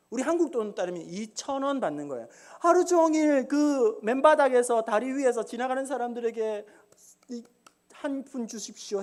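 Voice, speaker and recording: A male pastor preaching a sermon in a church, telling stories in an animated way and acting out the characters' voices. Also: high voice. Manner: animated storytelling with acted-out voices. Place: church sanctuary.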